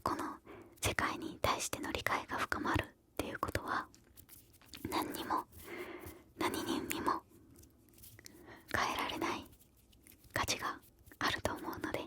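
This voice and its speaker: A woman whispering softly and breathily close to the ear, gently answering questions in an encouraging ASMR style. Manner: whispers throughout, soft and breathy; encouraging, gentle advice-giving.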